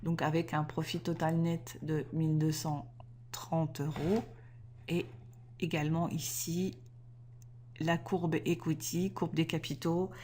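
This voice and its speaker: A woman explaining trading software step by step in a screen-recorded tutorial, methodical and clear, with small self-corrections. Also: deep voice, level tone, slow pace, a little hiss or hum.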